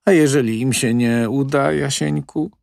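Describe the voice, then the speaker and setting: A man voicing an anxious, fretful old woman in an audiobook, speaking in a soft, pleading way and pitching his voice up. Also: moderate pace, gravelly, dry recording, clean studio sound, close to an everyday voice.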